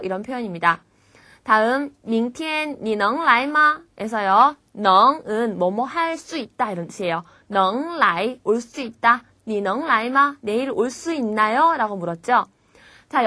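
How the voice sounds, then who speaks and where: A Korean woman teaching a beginner Chinese lesson, patiently modelling each word slowly before explaining it. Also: on the high side, pushed and bright, no room sound.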